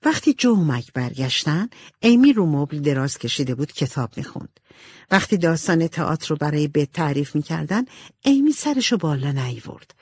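A woman narrating a storybook in an expressive, animated way. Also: deep voice, breathy edge, dry recording. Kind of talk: storybook reading.

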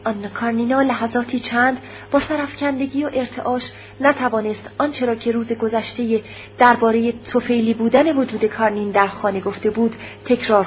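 A woman narrates a novel in a measured, expressive reading. Her voice sits a little high. The recording is dull and lo-fi, with a faint hum underneath. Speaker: audiobook narrator. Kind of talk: dramatic audiobook narration.

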